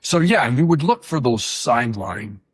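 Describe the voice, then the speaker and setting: A man's voice: mid-range voice, expressive, normal speed, breathy edge, no room sound. A middle-aged man, a podcast co-host and former TV reporter, reminiscing in a rambling way with restarts. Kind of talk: casual chat.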